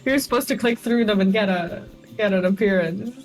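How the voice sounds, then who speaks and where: A woman's voice: medium pitch, fairly quick, soft background music, poor audio. A woman chatting and laughing with a friend while playing a game. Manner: giggly, chatty. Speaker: streamer host. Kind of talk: casual gaming chat.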